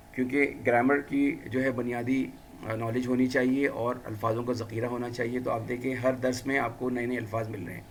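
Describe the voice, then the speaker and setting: A man teaching a language lesson, drilling words slowly and deliberately with frequent fillers. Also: mid-range voice, a little hiss or hum. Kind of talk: classroom lesson.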